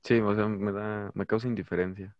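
A man's voice: lowish voice, flat delivery, fairly quick, dry recording, muffled recording. A man with a Mexican Spanish accent, co-hosting a podcast in laid-back, slangy casual chat. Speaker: podcast co-host.

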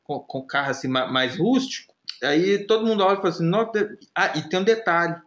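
Man, somewhat high voice, playful teasing, echoey. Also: brisk, fairly bright tone. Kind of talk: casual chat. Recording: roomy echo.

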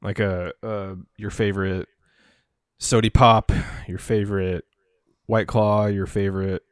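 A young man co-hosting a podcast, joking in a deadpan way and swearing a lot. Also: lowish voice, a little slow, no room sound, studio quality. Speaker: podcast co-host. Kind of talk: casual podcast chat.

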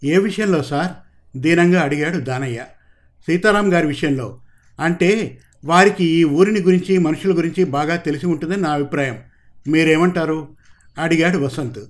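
A man's voice: a little high, moderate pace. A man reading a police crime novel aloud, giving each character's lines small shifts in delivery. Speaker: narrator. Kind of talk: audiobook narration of a crime novel.

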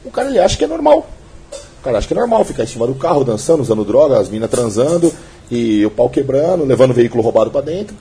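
A man's voice: medium pitch, very fast, breathy edge. A man, a police officer, telling stories in casual podcast chat and acting out the dialogue. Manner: animated storyteller, acts out dialogue.

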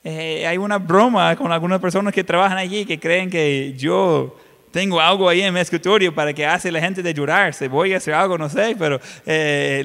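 A male pastor preaching a sermon, swinging between loud passages and hushed ones. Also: high voice. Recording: long reverb of a large hall.

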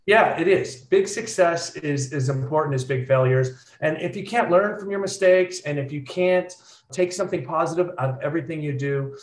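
A man in his fifties joins a podcast as a guest, chatting casually in an earnest, upbeat, and reflective way. His voice is a little high, his pace moderate, and the recording is reverberant.

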